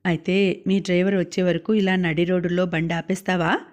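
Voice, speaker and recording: A woman's voice: fairly low pitch, flat delivery, brisk, natural voice. A woman voicing a stern, scolding male traffic policeman, in an audiobook.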